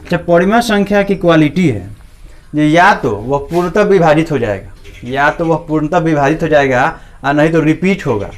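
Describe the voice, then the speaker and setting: Man teaching maths, fairly high voice. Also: normal speed. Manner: asks students questions and answers them himself; repeats key points often. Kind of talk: classroom maths lesson.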